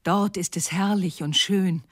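A woman voicing an old, homesick reindeer in a storybook, speaking slowly and half-whispered. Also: lowish voice, fairly even intonation, dry recording, studio quality. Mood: dreamy. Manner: slow, drawn-out, half-whispered.

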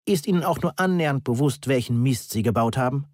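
A man's voice: mid-range voice, lively intonation, a little fast, darkish tone, no echo, studio quality, pitched above the performer's own voice, lightly acted. A man reading an audiobook, voicing a clipped, formal male university lecturer. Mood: stern.

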